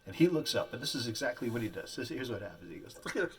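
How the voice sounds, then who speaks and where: A man telling a comic personal story in animated, colorful, folksy phrasing, heard from a distance. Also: medium pitch, rapid-fire.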